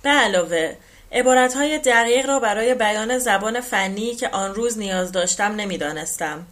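A woman's voice: medium pitch, a bit bright, lightly acted. A woman voicing a reflective older man. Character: older man calmly recounting his past.

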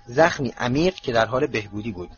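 A man narrating an audiobook in an even, measured reading, in a slightly muffled recording with faint hiss. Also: medium pitch. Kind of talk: scripted narration.

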